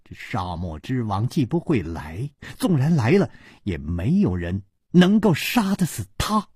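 A man voicing a sharp-tongued young woman in a told story, scolding and mocking. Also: mid-range voice, very animated, measured pace, slightly rough, no echo, studio quality, heavily acted.

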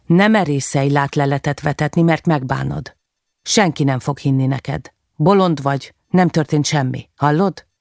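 A woman's voice: sits low, creaky, darkish tone, no room sound, clean studio sound. A woman reading a cold, controlling husband who threatens his wife. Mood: menacing. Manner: cold, menacing.

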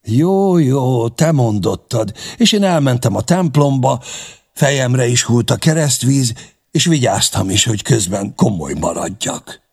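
Man doing a sly warlord, teasing, wry, gravelly, husky, lively pitch. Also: exaggerated voice. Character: sly, jovial middle-aged male warlord, newly baptized.

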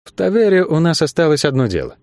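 A man voicing a calm, firm young acrobat who argues steadily. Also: fairly high pitch, quick pace, dry recording, studio quality. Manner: steady and persuasive.

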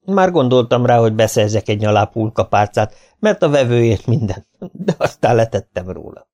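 A man's voice: medium pitch, lively intonation, mellow. A man reading a memoir aloud as an audiobook, in a dry, wry storytelling manner. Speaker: audiobook reader.

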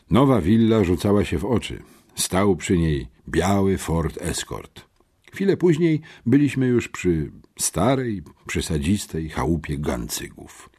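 A man narrating an audiobook with expressive, dramatic storytelling. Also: lowish voice, breathy edge.

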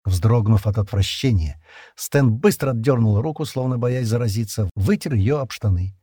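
A man reads an audiobook in a measured storytelling manner, his pitch moving lively through the lines. The voice is dark and husky. The recording is close and dry. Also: dry recording. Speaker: audiobook narrator. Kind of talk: scripted narration.

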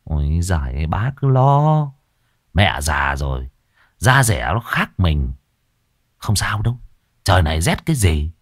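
A man's voice: low-pitched, very animated, a little slow, long pauses, dry recording, studio quality, heavily acted. A man voicing a callous middle-aged village man, drawling and offhand. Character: callous middle-aged brother-in-law, brushing things off.

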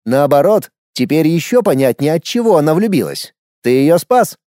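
A cocky, meddling young man who fancies himself an expert on women, as a male reader puts him on. His voice sits higher and swings lively as he needles and insists. The sound is dry and close, with a mellow darkness in tone. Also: normal speed, no echo. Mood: sly. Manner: sarcastic, insistent, teasing. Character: smug, nosy young man, self-styled ladies' expert.

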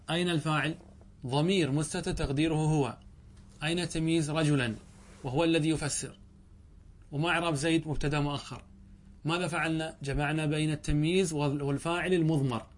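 A male teacher working through a grammar text, with a speaking voice a little higher than most men's. He reads each passage slowly and deliberately, then breaks it down in plain classroom talk. He keeps posing questions to his listeners and answering them himself. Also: steady tone.

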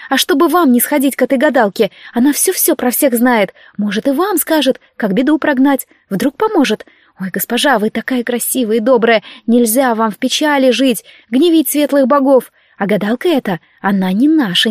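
A woman voicing a naive, excitable young servant girl who chatters breathlessly and pleads. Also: fairly high pitch, no room sound, studio quality.

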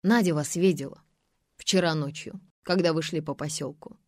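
A woman's voice: deep voice, moderate pace, darkish tone, no echo, studio quality. A woman reading aloud, voicing a firm young man who presses a suspect with blunt questions. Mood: stern.

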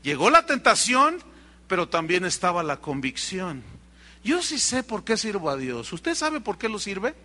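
Mexican pastor guy preaching, high voice, really bright and cutting, acts out the people in his story. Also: sing-song, normal speed. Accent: Mexican Spanish. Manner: storytelling, acts out quoted dialogue, addresses congregation directly. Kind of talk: sermon.

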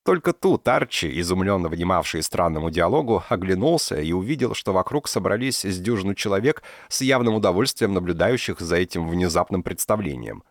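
Low-voiced male audiobook narrator. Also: expressive, a little fast, hardly any pauses, no echo, studio quality. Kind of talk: scripted narration.

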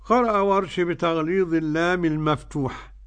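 An older man with an Egyptian Arabic accent teaching Quran readings, explaining the rules quickly and reciting verses slowly and drawn out. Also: on the high side, a bit bright, smooth.

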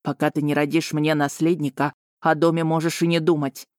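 A woman's voice: low-pitched, level tone, fairly quick, darkish tone, dry recording, studio quality, lightly acted. A woman reading an audiobook, voicing a domineering, possessive dragon lord who talks with a hissing, growling menace. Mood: menacing.

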